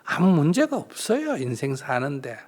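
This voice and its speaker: A Buddhist monk speaking gives a dharma talk in a fairly high voice. His pitch swings widely as he throws rhetorical questions at the audience and acts out small exchanges between people. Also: normal speed. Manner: lively rhetorical questions, acts out little dialogues.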